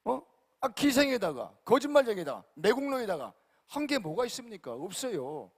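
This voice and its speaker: Emphatic preacher in a reverberant hall. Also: male voice, high voice, sing-song, normal speed, breathy edge. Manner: emphatic, repeats questions to the congregation; casual spoken Korean, swings between loud and quiet. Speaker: pastor. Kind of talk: sermon. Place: large church sanctuary.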